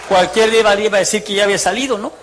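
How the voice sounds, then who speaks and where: A man's voice: high-pitched, very fast, background noise. A man, a former priest telling his testimony with jokes and asides to the crowd. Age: 60s. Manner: storytelling, jokey, teasing the audience. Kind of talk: humorous testimony sermon.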